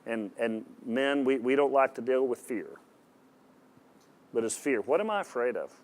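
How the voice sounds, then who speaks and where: A man's voice: medium pitch, animated, moderate pace. A man preaching a sermon to an audience in a hall, emphatic and direct, often asking the listeners questions and repeating his words. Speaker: pastor.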